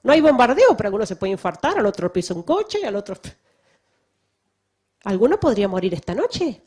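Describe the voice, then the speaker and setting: A woman's voice: mid-range voice, big pitch swings, a little fast, a little mellow, slightly rough. A woman missionary giving a testimony to a church audience, emphatic and full of rhetorical questions. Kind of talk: public talk to a church audience.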